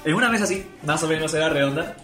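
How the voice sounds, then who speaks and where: A man's voice: fairly high pitch, animated, racing, sharp tone. Young guy telling a story, stop-start, slang, faint music in a roomy echo. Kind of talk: casual chat.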